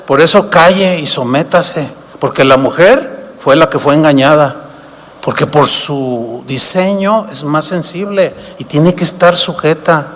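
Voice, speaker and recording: A man preaching from the pulpit, his voice sitting high for a man. He asks his listeners questions and slips into short acted exchanges. The sound rings with the long reverb of a large hall. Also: measured pace, fairly bright tone. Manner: preaches with rhetorical questions, acts out dialogues. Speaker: pastor. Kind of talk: sermon.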